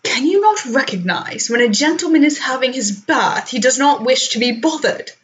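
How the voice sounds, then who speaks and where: A woman voicing a dignified gentleman cat who hates being disturbed. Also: sits high, lively intonation, moderate pace, slight background noise, voice pushed up. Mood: haughty. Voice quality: lofty, affronted.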